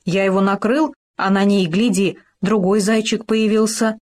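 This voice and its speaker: A woman's voice: medium pitch, steady tone, moderate pace, a little mellow, lightly acted. A woman voicing a cautious, dignified male gopher in a children's story, speaking earnestly and proudly.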